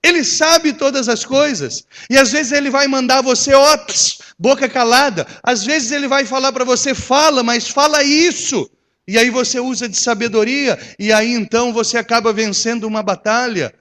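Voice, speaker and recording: A man, a pastor preaching a lively sermon that swings from loud to hushed. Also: very high voice, normal speed.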